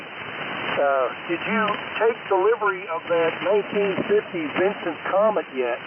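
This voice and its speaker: A man chatting casually on a radio net in a halting, rambling way, heard through a military radio and its microphone. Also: on the high side. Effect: two-way military radio transmission. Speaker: amateur radio operator on a net. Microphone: military dynamic microphone on a field radio. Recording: narrow tinny radio link, loud static noise.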